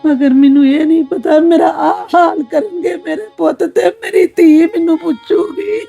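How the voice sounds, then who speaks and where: A woman with a Punjabi accent playing a grieving elderly mother who has been neglected by her sons, speaking in a tearful, gravelly voice. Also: very high-pitched, steady tone, moderate pace, mellow, soft background music. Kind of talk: Punjabi family drama acting.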